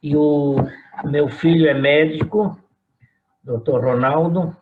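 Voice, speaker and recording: A man in his eighties from São Paulo, with a Paulistano accent, recalling his family history slowly and deliberately in an interview. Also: a little high, phone-quality sound. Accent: Paulistano Brazilian Portuguese. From São Paulo, Brazil. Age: 80s. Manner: slow, deliberate recollection. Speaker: retired pastor.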